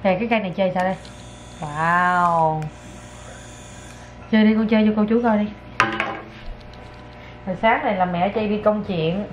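A young mother vlogging at home talks casually to camera in a mid-range voice at normal speed with long pauses, coaxing her toddler in a chatty, sing-song way. The background is noisy.

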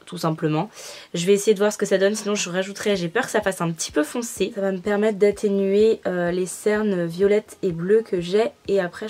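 A woman's voice: mid-range voice, a little mellow. Chatty woman narrating a makeup tutorial. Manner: chatty, many fillers. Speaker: beauty vlogger.

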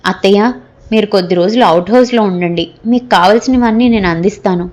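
A woman's voice: mid-range voice, fairly quick, darkish tone, lightly acted. A woman voicing a proud young wife who answers her husband with cutting, defiant retorts. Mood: polite.

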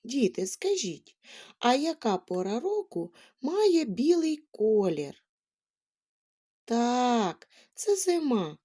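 A woman teaching a lesson to small children, asking questions and reciting little rhymes in a drawn-out, sing-song way. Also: a little high, sing-song, mellow. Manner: questioning, drawn-out words, rhyming verses. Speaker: kindergarten teacher.

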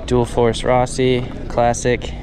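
A man's voice: mid-range voice, completely flat delivery, takes it slowly. A man vlogging casually about golf clubs while shopping at an outdoor flea market. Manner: upbeat, chatty, haggling with sellers. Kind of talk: casual vlog chat. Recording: outdoor noise behind.

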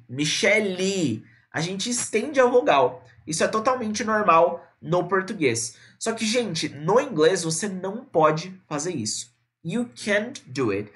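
A man's voice: a little high, fairly bright tone. Chatty man teaching English. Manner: casual, chatty, repeats words and models pronunciation slowly. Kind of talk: live online English lesson. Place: indoors at a computer, streaming live.

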